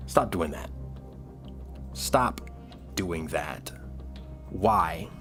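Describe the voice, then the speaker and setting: Speaking very slowly in a deep, creaky voice with a fairly bright tone and sing-song delivery, this man in his thirties chats casually while working on music during a livestream. Soft music plays behind him as he rambles and thinks aloud.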